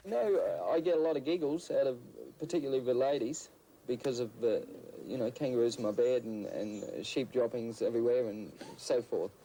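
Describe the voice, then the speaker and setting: A man with an Australian accent, a farmer who chats and jokes about living with his animals and calls out loudly to them. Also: medium pitch, normal speed, a little hiss or hum, low-quality recording.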